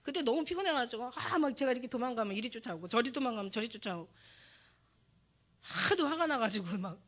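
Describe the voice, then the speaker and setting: A woman's voice: on the high side, expressive, brisk, fairly bright tone. A middle-aged woman pastor preaching a sermon with emotion, acting out prayers and God's words as she goes.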